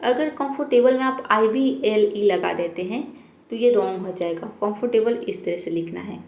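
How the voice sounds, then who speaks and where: A woman's voice: mid-range voice, moderate pace, darkish tone, echoey room. A woman teaches English spelling rules, patiently asking questions and answering them herself, and often checks in with "theek hai". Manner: keeps saying "theek hai" to check understanding.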